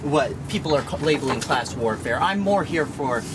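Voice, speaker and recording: A man's voice: mid-range voice, normal speed. A young man casually showing visitors around an outdoor protest camp, chatty and easygoing, laughing now and then. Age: young adult. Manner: relaxed, chatty, laughs easily. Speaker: camp resident giving a tour. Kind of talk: casual guided tour. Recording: outdoor noise behind.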